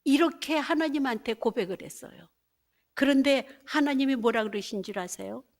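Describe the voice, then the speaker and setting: A woman's voice: sits high, moderate pace. A woman pastor in her fifties giving a sermon testimony, telling her story and acting out her own prayers, with English phrases dropped in.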